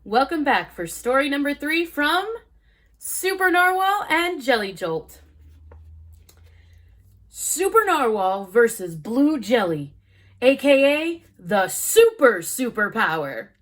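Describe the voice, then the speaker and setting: A woman hosting a children's storytime, reading a picture book aloud in a bright, sing-song manner. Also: high voice, sing-song, slow pace. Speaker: storytime host.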